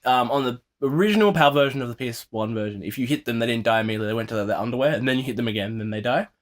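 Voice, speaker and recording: Brief: man, podcast host, mid-pitched, rambly and full of fillers. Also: very fast. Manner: rambling, with many fillers and restarts. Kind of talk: casual chat.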